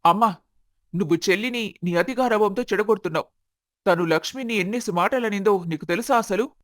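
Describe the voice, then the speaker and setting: A man's voice: high voice, a little fast, a bit bright, no room sound, studio quality. A man voicing an angry young husband and brother who scolds his spoiled sister, in a storybook narration. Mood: reproachful. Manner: stern, scolding.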